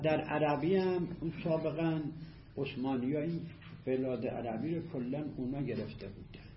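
A man teaching a class on a classical text, reading passages aloud and then explaining them word by word in a measured way. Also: a little high, slight background noise. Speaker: teacher of Arabic rhetoric. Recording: echoey room, slightly dull lo-fi audio.

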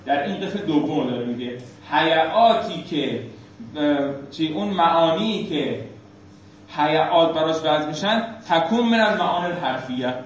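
A man's voice: on the high side, animated, slight background noise. A male teacher reading phrases from a classical text aloud and explaining them, often putting questions to his students. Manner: reads Arabic phrases then explains, asks students questions. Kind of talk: seminary lecture on Arabic text. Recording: echoey dull room recording.

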